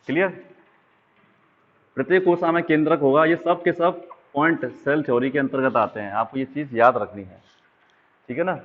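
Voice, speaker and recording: A man's voice: fairly high pitch, moderate pace, long pauses. Man teaching over a tinny line. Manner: explaining while drawing diagrams, frequent check-ins. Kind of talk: exam-prep biology lesson. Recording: tinny phone-like sound.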